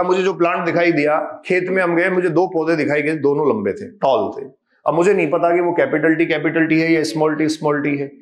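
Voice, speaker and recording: A male biology teacher giving an animated revision lecture, constantly quizzing his students with quick questions. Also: a little high, reverberant.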